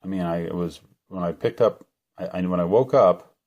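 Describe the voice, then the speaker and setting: A man's voice: sits low, moderate pace, a little mellow, dull audio. A middle-aged man telling the story of a dream in a rambling, earnest way, full of restarts and fillers. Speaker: channel host. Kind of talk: personal testimony to camera.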